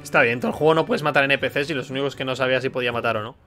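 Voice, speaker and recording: A young man chats and jokes through let's play commentary in an everyday middle register. Loud game music runs clearly under his voice the whole time. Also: mid-range voice, fairly even intonation, very fast. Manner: chatty, joking, self-talking. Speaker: gamer streamer.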